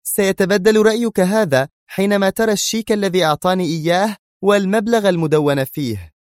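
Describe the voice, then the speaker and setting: Mona, a high tense woman professor, as a man puts her on. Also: a little fast, a little mellow, dry recording, studio quality, close to an everyday voice. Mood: sharp. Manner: tense, urgent, cutting. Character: flustered but sharp Egyptian woman history professor.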